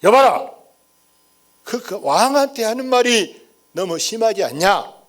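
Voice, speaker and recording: A merciful court minister, as a pastor plays him speaks slowly and reverently. His high voice stays deferential and gentle. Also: big pitch swings. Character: kindly, merciful male royal minister.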